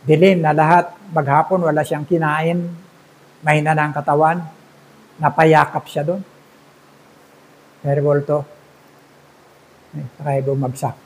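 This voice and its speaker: A male pastor preaching a sermon, telling a story in a slow, hushed manner. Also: on the high side, little pitch movement, a little hiss or hum, poor audio.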